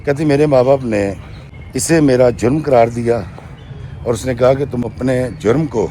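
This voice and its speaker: In a warm, medium-pitched voice, with a little hiss or hum behind it, a man relates a true story to his viewers. He recounts a woman's experience in her own words, often marking it with "she says," and sometimes speaks to listeners directly as friends.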